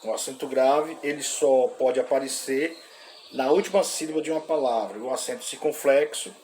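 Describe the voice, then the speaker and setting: A man with a Brazilian Portuguese accent explains Greek grammar in a relaxed classroom lecture. He speaks at a middling pitch, often ends a phrase with a questioning "né?" and pauses on fillers. A faint hiss of background noise runs under his voice. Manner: frequent "né?" tag questions and hesitant fillers. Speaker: Greek teacher.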